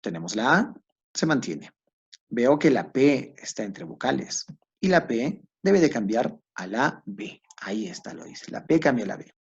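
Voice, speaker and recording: A man teaches a class in a lively voice that rises and falls a lot. His tone is a bit raspy, and he often asks a question aloud before answering it himself. The recording sounds dull and lo-fi. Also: mid-range voice, a little slow. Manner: asks himself questions and answers them, addresses students directly. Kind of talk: classroom lecture.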